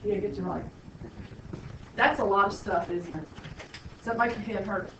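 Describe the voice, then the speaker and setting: A woman's voice: medium pitch, normal speed, a bit bright, a little hiss or hum. A woman math teacher, lecturing a classroom with playful, sarcastic teasing of her students. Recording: echoey classroom, distant lo-fi mic.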